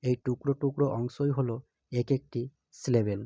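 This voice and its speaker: Male teacher giving a scripted grammar lesson, measured and steady, mellow timbre. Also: mid-range voice, dry recording. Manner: slow, measured explanation.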